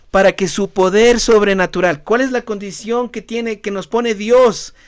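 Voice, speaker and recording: A man's voice: high voice, no echo, clean studio sound. A man who is a pastor preaching a sermon, emphatic and questioning the congregation directly. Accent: Ecuadorian Spanish.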